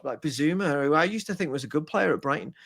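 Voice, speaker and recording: A middle-aged man, talking in a fairly high voice. He chats casually as a podcast guest, telling lively stories and laughing often. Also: quick pace, gravelly, no echo. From Liverpool, England. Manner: animated, storytelling, laughs often. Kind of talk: casual chat.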